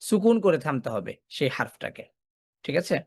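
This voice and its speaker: A man's voice: on the high side, sing-song, normal speed, creaky, darkish tone, no room sound. A man teaching a Quran recitation class, asking his students questions, answering them himself and repeating key points. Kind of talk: classroom lesson.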